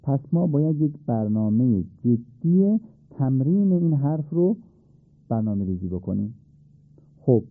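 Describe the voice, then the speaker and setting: A man's voice: mid-range voice, dry recording. A man teaching Arabic letter pronunciation for prayer and Quran recitation, patiently repeating and demonstrating sounds. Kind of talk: radio-style pronunciation lesson. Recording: tinny phone-like dry sound.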